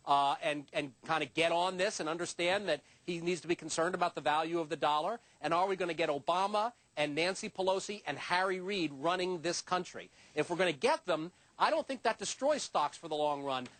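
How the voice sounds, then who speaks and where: A man's voice: high voice, moderate pace, a bit bright, no room sound. Opinionated male investment commentator, dry sound. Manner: opinionated, plain-spoken. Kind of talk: cable business news discussion.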